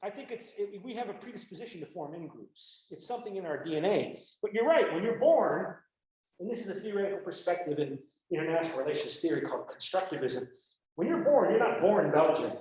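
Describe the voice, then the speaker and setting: A man's voice: high-pitched, brisk. An American man, a university professor, giving an online lecture over a video call, acting out his examples. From United States. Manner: animated, acts out examples. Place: indoors, remote class. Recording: echoey video call audio.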